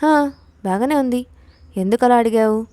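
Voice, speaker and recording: Brief: gentle, troubled college girl read by a woman, soft worried lines, a touch higher, dry close read. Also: normal speed, dry recording, close to an everyday voice.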